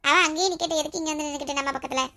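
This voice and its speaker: Quick bright-voiced woman. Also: high voice, fairly even intonation. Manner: quick scolding village banter. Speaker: sketch performer. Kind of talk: village comedy skit, many characters.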